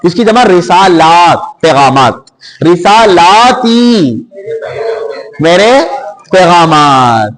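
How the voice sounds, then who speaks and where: A high-pitched man leads a Quran vocabulary class. He draws each word out slowly, then gives its meaning briskly and asks the class questions. His voice rings out with a long hall reverb. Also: animated. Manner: drawn-out stressed words, then quick glosses and questions to the class. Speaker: Quran teacher.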